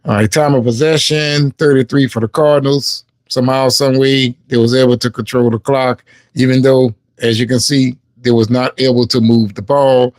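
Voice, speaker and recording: A man's voice: mid-range voice, level tone, moderate pace, darkish tone, no room sound. A man hosting a casual sports live stream. He reads game stats aloud and chats with viewers. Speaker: sports livestream host.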